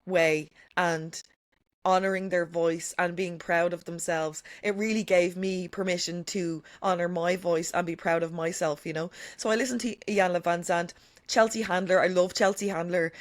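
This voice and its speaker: This is candid, conversational podcast talk from a female guest whose lowish voice comes through dry and studio-clean. Emphatic and unfiltered, she swears a lot, keeps saying "like" and "you know," and describes her own voice as strong.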